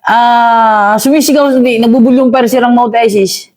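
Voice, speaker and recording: A man, an army veteran, recounting combat in a casual interview, halting and calling the host "sir" again and again. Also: extremely high pitch, fairly even intonation, darkish tone, no echo.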